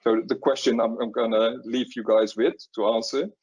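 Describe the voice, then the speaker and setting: A man's voice: medium pitch, level tone, normal speed, a little mellow, dull audio, slight background noise. A middle-aged man with a Dutch accent talking on a webinar panel, often repeating words and chuckling at himself. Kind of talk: conversational webinar panel talk.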